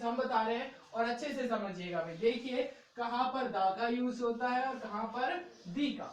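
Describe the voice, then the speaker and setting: A man's voice: extremely high pitch, fairly bright tone, distant mic. A man teaching an English grammar lesson in a patient, repetitive classroom manner, often adding little check-ins. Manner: patient, repetitive, ends phrases with "okay" and "brother". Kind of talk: classroom-style video lesson. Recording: very echoey room, voice from off mic.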